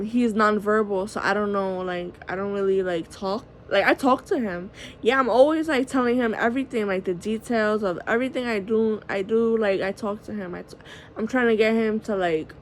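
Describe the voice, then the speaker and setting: A woman vlogs at home late at night into her phone camera, rambling candidly in a casual monologue, using "like" constantly and swearing freely. Her voice is medium-pitched, with slight background noise.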